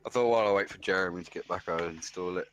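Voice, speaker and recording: A man's voice: low-pitched, racing, fairly bright tone, highs cut off, slight background noise. A man chatting casually with a streamer, laid-back and giving short replies. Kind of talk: casual chat.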